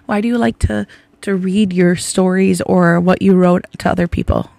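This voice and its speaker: Raspy, hoarse woman hosting a children's podcast. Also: lowish voice, fairly even intonation, normal speed, a little mellow. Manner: encouraging, simple questions, echoing answers. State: hoarse from laryngitis. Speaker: podcast host, school teacher or librarian. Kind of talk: friendly podcast interview with children.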